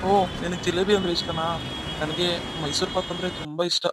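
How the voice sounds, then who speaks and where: A man's voice: sits high, little pitch movement, brisk, noisy background, close to an everyday voice. A man voicing a remorseful young husband in a cartoon story, coaxing and pleading with his wife. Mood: teasing.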